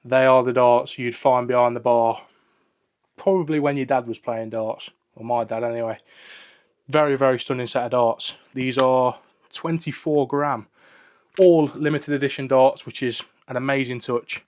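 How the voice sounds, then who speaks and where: A man's voice: mid-range voice, fairly even intonation, normal speed, a little mellow. Enthusiastic man unboxing darts. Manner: enthusiastic, repeats "very, very". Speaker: darts reviewer. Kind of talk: casual product unboxing and review.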